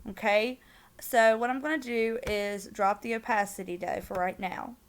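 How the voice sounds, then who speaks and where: A young woman with a strong Southern US accent walks through a software tutorial at her computer. She chats casually, fills pauses with "um", and drops in small apologies as she goes. Her voice sits at an ordinary middle pitch for a woman. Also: fairly even intonation. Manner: chatty, filler-heavy, apologetic asides. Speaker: tutorial maker. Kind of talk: casual screen-recorded tutorial.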